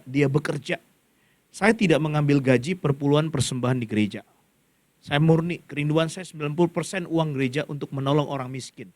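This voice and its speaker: A man preaching a sermon as pastor, calling out to the congregation to repeat lines and swinging his pitch widely as he tells stories. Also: darkish tone, no echo. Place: church stage.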